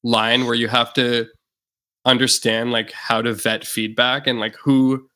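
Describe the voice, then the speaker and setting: An unhurried young man with a medium-pitched voice, a Canadian musician, chats casually as a guest on a podcast. His talk is relaxed and rambling, with many fillers throughout the interview.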